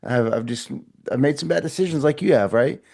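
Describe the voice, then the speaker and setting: A middle-aged man hosts a short motivational podcast, speaking casually to camera in an earnest, encouraging way, often repeating himself and restarting. His voice is a little high and a little fast, creaky, with a darkish tone.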